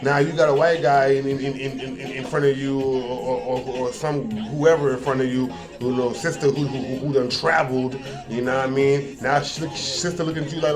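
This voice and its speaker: A man giving a casual, rambling monologue, often repeating words and building to emphatic points. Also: fairly high pitch.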